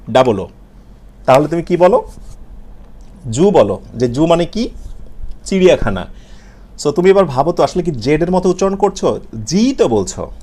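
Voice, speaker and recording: Lively Bengali-accented man teaching English letters. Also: a little high. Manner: repeats sounds slowly, asks and answers his own questions. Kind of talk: video lesson on English letters and pronunciation.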